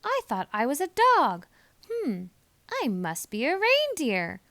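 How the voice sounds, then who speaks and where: An eager little storybook dog, acted out by a woman reading aloud, high and lively in pitch. The dog sounds earnest and simple, musing to itself. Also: unhurried, no echo, exaggerated voice. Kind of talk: children's storybook read-aloud.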